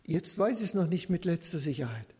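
Husky preacher in a reverberant church. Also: male voice, on the high side, big pitch swings, dark tone. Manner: earnest, measured preaching with repeated phrases and occasional fillers. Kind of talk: sermon.

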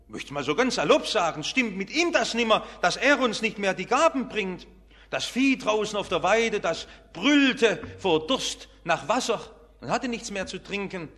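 A man preaches a harvest festival sermon in a dramatic style, swinging between soft, low passages and loud ones. His voice sits high and moves in lively leaps. The recording carries a long church reverb. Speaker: pastor.

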